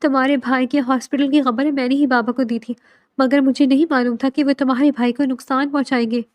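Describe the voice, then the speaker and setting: Desperate young woman, tearful and pleading, high voice, read by a woman narrator. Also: little pitch movement, darkish tone, no room sound, natural voice.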